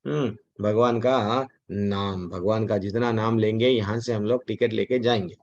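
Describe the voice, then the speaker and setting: A man's voice: fairly low pitch, steady tone, moderate pace. Guy giving a chatty gita class, mixes english in, dull lo-fi sound. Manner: conversational, mixing English words, acting out quoted voices. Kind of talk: devotional Gita class talk. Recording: dull lo-fi recording.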